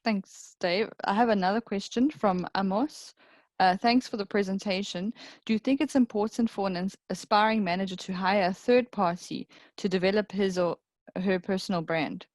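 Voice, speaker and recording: A woman's voice: medium pitch, moderate pace, dry recording. Woman moderating a webinar, dry sound. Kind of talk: reading out audience questions.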